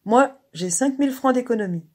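A woman's voice: fairly low pitch, moderate pace, darkish tone, slightly rough. A woman voicing a timid, tipsy old male Latin tutor, stammering and hesitant as she reads the story aloud. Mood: pleading. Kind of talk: dramatized story reading.

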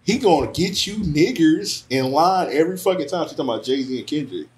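A man's voice: fairly high pitch, animated, brisk, a little hiss or hum. Man bantering loosely on a podcast. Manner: loose, joking banter with profanity. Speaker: podcast co-host. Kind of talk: casual chat. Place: studio with couch and arcade machine. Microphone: desk microphone on arm.

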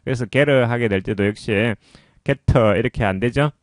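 A man teaching English pronunciation, explaining patiently and often pausing with "자" between points. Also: fairly low pitch, no echo, clean studio sound.

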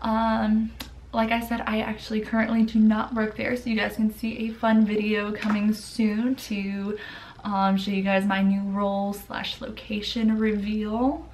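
A woman's voice: mid-range voice, completely flat delivery, a little slow, darkish tone, slight background noise. A young woman vlogger telling stories in a casual, chatty way, full of fillers and restarts. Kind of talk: casual storytelling vlog.

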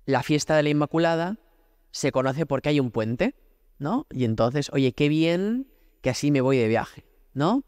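A man's voice: medium pitch, darkish tone, no room sound, clean studio sound. A man from Spain, a priest, giving a conversational prayer homily, often asking rhetorical questions and speaking directly to God. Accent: Spanish from Spain.

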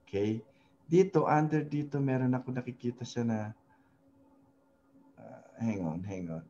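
Hesitant man with a mellow voice. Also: mid-range voice, animated, measured pace, muffled recording, a little hiss or hum. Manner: hesitant, many fillers, frequent tag questions. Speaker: web design tutorial host. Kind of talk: casual screen-share tutorial in mixed Tagalog and English.

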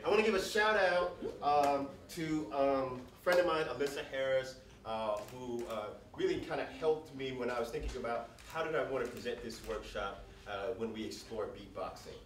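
A man leading a workshop, coaching a group through breathing and voice warm-ups with short encouraging prompts, often checking in with "right?". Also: medium pitch, normal speed, few pauses. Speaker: workshop leader. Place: large room with an audience. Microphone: handheld mic, off-mic at times. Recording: echoey room, distant mic, audible noise.

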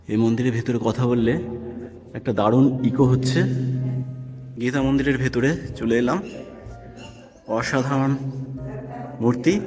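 Male vlogger, mid-pitched and unhurried, narrating a temple walkthrough; the echo of a stone hall hangs on every word. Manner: slow, unhurried, pointing things out. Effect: echo of a large stone temple hall. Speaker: travel vlogger guiding viewers. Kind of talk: walking tour narration.

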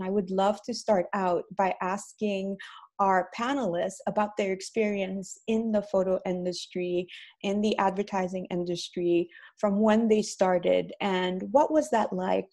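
A woman hosting and moderating an online panel discussion over a video call, speaking haltingly with frequent ums. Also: medium pitch. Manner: warm, halting with many ums. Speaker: guest host and moderator. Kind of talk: webinar panel introduction.

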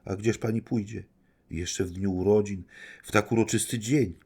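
A man's voice: lowish voice, fairly even intonation, normal speed, darkish tone, husky, voice pushed up. A man reading an audiobook, voicing tearful, pleading young maidservants.

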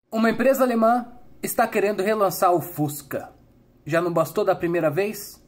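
Young Brazilian male, husky, lively intonation, delivering corny dad jokes deadpan. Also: high-pitched. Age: young adult. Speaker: comedy channel host. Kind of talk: telling dad jokes, riddle setup and punchline.

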